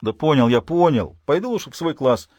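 A man's voice: a little high, lively intonation, fairly quick, darkish tone, dry recording, voice pushed up. A man voicing a cheerful teenage schoolboy who banters with mock enthusiasm, in an audiobook recorded in a dry, close space. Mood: joking.

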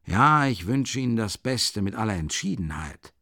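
A man's voice: sing-song, normal speed, dry recording, clean studio sound, exaggerated voice. A man playing a sly, mocking magistrate. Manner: low, soft, chuckling, insinuating. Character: older male investigating judge, sly and mocking. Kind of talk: audiobook character voice.

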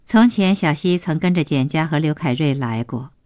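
A woman narrating a serialized novel in a slow, expressive storytelling manner. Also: low-pitched, no echo, studio quality. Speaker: audiobook narrator.

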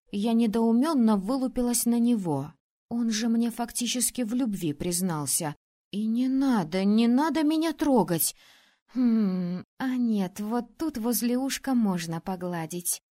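Expressive woman reading an audiobook. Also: a little high. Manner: expressive, acting out the heroine's outbursts. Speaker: audiobook reader. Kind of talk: first-person audiobook narration.

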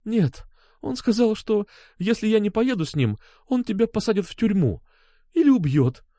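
Guy doing a scared teary young woman, high pleading voice, lively swings, dry sound. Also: moderate pace, dry recording. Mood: frightened pleading. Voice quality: tearful, pleading. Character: frightened tearful young woman.

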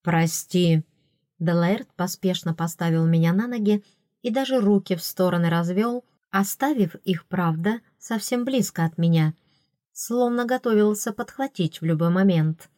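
A woman reading a novel in first person, telling the story in a lively, playful way. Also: medium pitch, normal speed, no room sound, studio quality. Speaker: audiobook narrator. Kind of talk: first-person audiobook narration.

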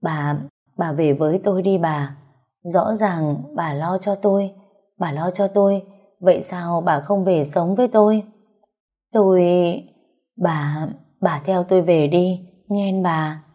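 A woman's voice: on the low side, takes it slowly, dark tone, muffled recording. A woman voicing an old grandfather who speaks in an earnest, pleading way.

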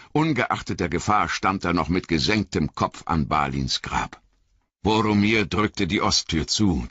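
Man, deep voice, dramatic audiobook narration, lively intonation, husky, dry slightly dull lo-fi recording. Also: no echo. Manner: expressive, dramatic storytelling.

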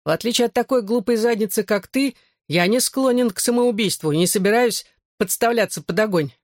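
A man's voice: high-pitched, brisk, dry recording, voice pushed up. Man playing a mocking teen boy, cocky, slightly raised voice, dry sound. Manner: smirking, mocking. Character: cocky joking teenage boy friend. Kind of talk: audiobook character voice.

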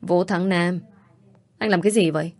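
An exasperated young woman, voiced by a woman storyteller in a storybook, scolding sharply with a raised voice. Her tone sits a little low. The recording is dry and close. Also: fairly even intonation, moderate pace, a little mellow, no room sound.

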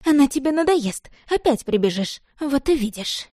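Female reader doing a high, shrill jealous girl, desperate and spiteful, mellow dry voice, storybook. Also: sing-song, normal speed, no echo. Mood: heated, pleading. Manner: shrill, pleading then furious.

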